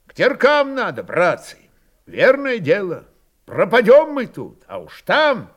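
A man's voice: sits high, wildly swooping pitch, unhurried, a bit bright, pitched above the performer's own voice, heavily acted. A man voicing a worried Cossack who earnestly pleads with his comrades. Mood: urging.

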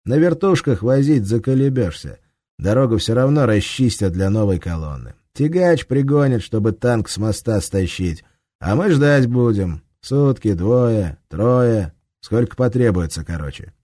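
Man doing a gruff, foul-mouthed warrant officer. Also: medium pitch, animated, unhurried, warm tone, no echo, studio quality, voice pushed up. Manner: coarse, contemptuous, swearing. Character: tough male army warrant officer, gruff and commanding.

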